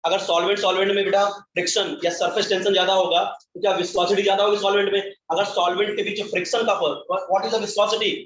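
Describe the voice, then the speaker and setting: A man's voice: high voice, level tone, fast talker, few pauses, fairly bright tone, a little hiss or hum. A male chemistry teacher giving a classroom lecture, asking questions and answering them himself, and calling his students beta and bhai. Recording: echoey, distant, dull classroom sound.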